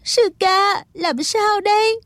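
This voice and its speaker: A frightened young woman in a martial-arts audiobook, weeping and pleading, as the woman narrator voices her. Her voice rises high, recorded dry and close. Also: slow pace, a bit bright, no room sound, full character voice. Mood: tearful. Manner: tearful, pleading.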